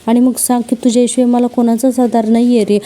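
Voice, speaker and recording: A woman's voice: a little high, flat delivery, quick pace, dark tone, natural voice. A woman reading the lines of a frightened young daughter-in-law who begs forgiveness. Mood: pleading. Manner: pleading, desperate.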